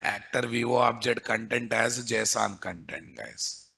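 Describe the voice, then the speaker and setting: A man's voice: medium pitch, unhurried, creaky, bright, forceful tone, husky. A man with a Telugu accent teaching a live coding class as the instructor, repeating himself and peppering students with questions. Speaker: programming instructor.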